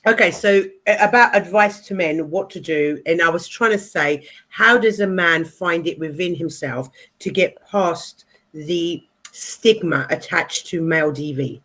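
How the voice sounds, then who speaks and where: A woman's voice: on the low side, unhurried, fairly bright tone. A woman hosting a casual livestream panel, steering the talk back on track and laughing easily, talking over a video call from home. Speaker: stream host.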